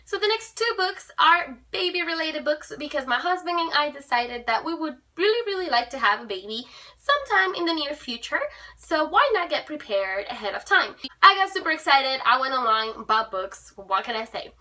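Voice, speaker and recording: A woman's voice: sits high, lively intonation, normal speed, sharp tone. A young woman chatting upbeat to camera as a book vlogger, with small fillers. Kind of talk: casual chat to camera. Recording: voice a little distant from the mic.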